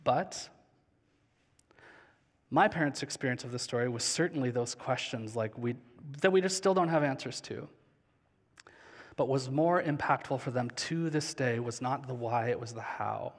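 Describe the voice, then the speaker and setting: A man in his thirties preaching a sermon on a large church stage with a headset mic, earnest and slowing down on key phrases. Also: medium pitch. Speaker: pastor. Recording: long hall reverb.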